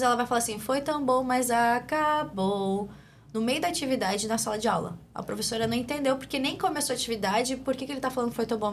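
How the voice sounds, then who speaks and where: A Brazilian woman, a speech therapist, giving a steady, teacherly explanation as an interview guest. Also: fairly high pitch, slight background noise. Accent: Brazilian Portuguese. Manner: didactic, steady explaining with many fillers.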